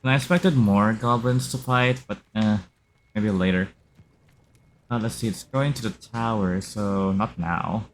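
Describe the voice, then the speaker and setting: A man streaming a video game live, commenting casually in a relaxed, rambling way with many fillers. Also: fairly low pitch, unhurried, slight background noise.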